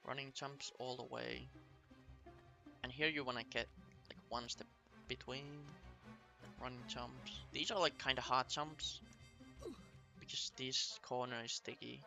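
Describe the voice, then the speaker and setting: Slow-paced, bright-voiced male speedrunner explaining moves. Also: mid-range voice, fairly even intonation, creaky, soft background music. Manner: instructional, short step-by-step phrases with pauses. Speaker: speedrunner explaining a game route to viewers. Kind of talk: casual speedrun tutorial commentary.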